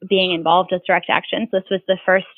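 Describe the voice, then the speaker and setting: A woman's voice: lowish voice, level tone, quick pace, no echo. Woman, earnest and rambling, tinny phone line, dry sound. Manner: earnest, rambling with restarts and laughs. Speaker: climate activist being interviewed. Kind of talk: casual interview answers.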